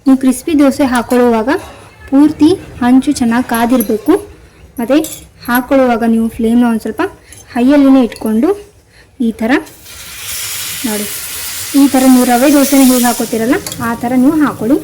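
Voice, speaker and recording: Woman with a mellow, higher voice. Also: brisk, pauses often, slight background noise, rough recording. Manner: calm step-by-step instructing, addresses viewers directly. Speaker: cooking channel host. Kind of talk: cooking demonstration voice-over.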